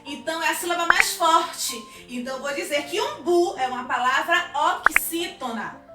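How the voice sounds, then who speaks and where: Brazilian schoolteacher, high voice, upbeat, stretched-out syllables, roomy echo. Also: female voice, recorded from a distance. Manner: upbeat, drawn-out syllables when sounding out words. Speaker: primary school teacher. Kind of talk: recorded video lesson for children. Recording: echoey room, voice off-mic, music behind.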